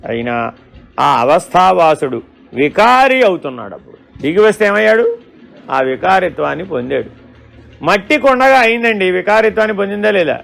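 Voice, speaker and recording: Male spiritual teacher, high-pitched and gravelly, questioning, storytelling discourse. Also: lively intonation, normal speed, fairly bright tone. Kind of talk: Vedanta discourse.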